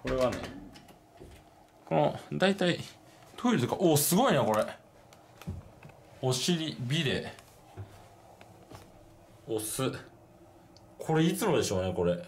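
Male travel vlogger, lively pitch, conversational asides, camera mic with steady background noise. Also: a little slow, gravelly, long pauses. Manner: chatty, musing aloud, polite with casual asides. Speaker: travel vlogger cycling the old highway. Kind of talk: casual on-camera travel narration. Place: outdoors on streets, later a hotel room.

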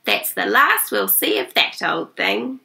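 A woman's voice: mid-range voice, animated, a little slow, gravelly, sharp tone, exaggerated voice. A woman voicing a fussy, practical grandmother in a children's storybook reading. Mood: brisk.

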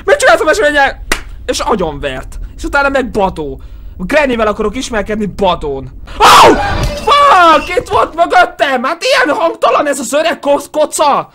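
A man giving let's play commentary on a horror game, breaking into loud screams and panicked shouts. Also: very high voice, wildly swooping pitch. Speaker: gaming YouTuber.

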